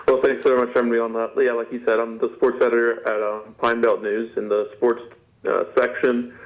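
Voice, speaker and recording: A man's voice: medium pitch, little pitch movement, fairly quick. A man talking casually about sports as a show guest, his speech slightly muffled as if from a swollen mouth. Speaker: sports editor and podcaster, guest. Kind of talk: casual sports interview talk. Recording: dull, band-limited radio-style sound.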